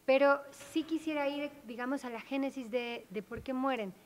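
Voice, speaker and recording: A woman's voice: high-pitched, moderate pace. A woman speaking on a panel, explaining her points earnestly and with emphasis. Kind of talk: academic panel discussion.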